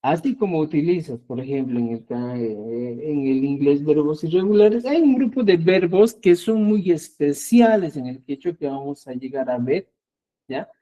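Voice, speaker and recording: A man's voice: fairly high pitch, animated, moderate pace, warm tone, low-quality recording. A man teaching an online language class, patiently explaining and often checking in with the students.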